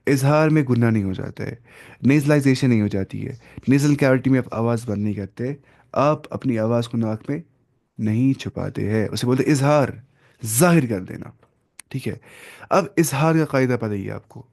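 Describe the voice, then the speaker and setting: Man teaching recitation rules, slow models. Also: mid-range voice, gravelly, a little mellow. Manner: explains, then models slow drawn-out recitation; mixes English terms into explanations. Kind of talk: casual tajweed lesson.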